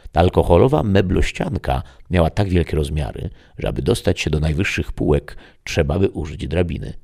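A man's voice: sits low, lively intonation, a little fast, gravelly, darkish tone, husky. A man narrating a first-person audiobook story in a dry, wry way.

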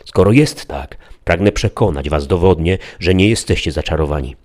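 A man's voice: low-pitched, normal speed, a little mellow, close to an everyday voice. A man reading the part of a simple, loyal squire who pleads with his master in wordy, old-fashioned speech. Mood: earnest. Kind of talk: audiobook character reading.

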